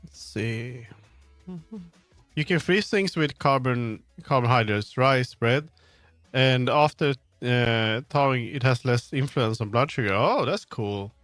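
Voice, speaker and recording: A man with a mid-range, fairly bright voice talks slowly but animatedly on a livestream, chatting casually as he works. He's a game developer who rambles, thinks aloud, and often trails off mid-sentence. The recording has no echo, with music playing in the background.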